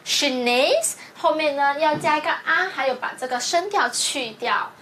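Woman teacher, high voice, patient step-by-step explaining, faint hiss behind. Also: animated, a bit bright. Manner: explains slowly, checks with "对不对". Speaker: Portuguese teacher. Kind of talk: recorded language lesson review.

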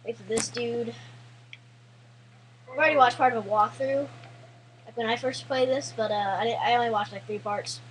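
A woman's voice: fairly high pitch, steady tone, normal speed, long pauses, a little hiss or hum, low-quality recording. A teenage girl giving casual, rambling, jokey gameplay commentary full of "like" and restarts.

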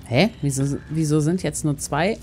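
A woman hosting a casual gaming session with friends, playful and quick to swear. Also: deep voice, a little mellow. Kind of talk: casual let's-play chat.

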